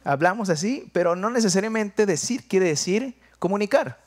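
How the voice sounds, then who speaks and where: A young Mexican man with a Jalisco accent, preaching a sermon in a conversational, playful way, dropping to quiet asides. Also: high-pitched, expressive, normal speed.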